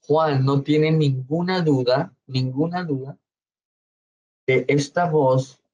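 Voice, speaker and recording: A man preaching a slow, measured Bible study sermon as pastor, often checking in with his congregation. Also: medium pitch, darkish tone, highs cut off.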